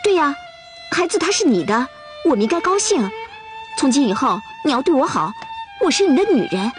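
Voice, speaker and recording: A woman's voice: high voice, sing-song, a little fast, faint music behind. An actress playing a headstrong, lovesick young Russian woman in a period TV drama, insistent and pleading. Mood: earnest. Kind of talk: television period drama acting.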